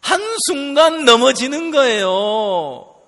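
Male pastor, high and lively voice, slow deliberate delivery, sermon storytelling in a reverberant church. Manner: animated storytelling, quoting others, laughing at times. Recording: long hall reverb.

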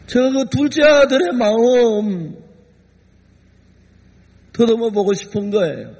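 Husky high-voiced male pastor preaching. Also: expressive, takes it slowly, darkish tone. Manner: emotional preaching, acting out voices in quotes. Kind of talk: sermon. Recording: long hall reverb.

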